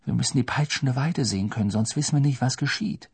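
A man's voice: mid-range voice, fast, vocal fry, breathy edge, no echo. A man voicing a determined teenage boy wizard with a strained voice. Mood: thinking. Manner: pleading, strained. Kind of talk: audiobook character voice.

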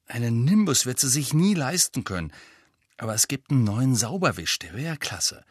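A man's voice: mid-range voice, big pitch swings, husky, no room sound, studio quality. A man voicing an eager, hopeful teenage boy in a storybook reading. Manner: eager, hurried.

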